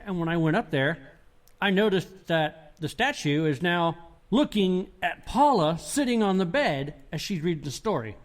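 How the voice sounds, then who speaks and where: A man with a high voice, speaking at normal speed, is a paranormal investigator recounting his experiences in a casual podcast interview. He rambles, restarts his sentences, and retells events animatedly.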